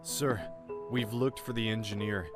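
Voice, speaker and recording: A man's voice: on the low side, steady tone, measured pace, natural voice. Man doing a guard reporting to the boss, music going behind. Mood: dutiful. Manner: dutiful, formal. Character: male guard, dutiful underling.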